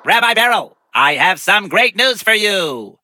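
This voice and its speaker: A puffed-up, boastful tycoon in a children's story, speaking slowly and grandly in a high, very bright voice. He peppers his talk with Hebrew words. The sound is dry, with faint music behind. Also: big pitch swings, no echo, heavily acted. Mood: gleeful. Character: pompous rich male businessman, boastful and grand.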